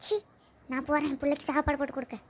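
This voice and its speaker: A woman playing a sharp-tongued, nagging mother-in-law in a comedy sketch, scolding her son's wife. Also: high voice, little pitch movement, very fast, close to an everyday voice. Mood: disgusted.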